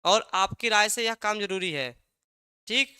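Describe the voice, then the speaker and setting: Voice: medium pitch, measured pace, sharp tone, clear, resonant tone, dry recording, clean studio sound. A teacher giving an exam-prep language lesson, asking a question and then answering it, repeating key words again and again.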